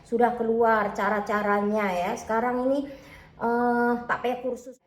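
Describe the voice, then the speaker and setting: She talks with a flat delivery at a measured pace, her voice a little high and echoing in her home kitchen. An Indonesian vlogger selling food, she has a Javanese accent mixed with Malay, chats casually, keeps saying "teman-teman, ya" to viewers, and refers to herself in the third person.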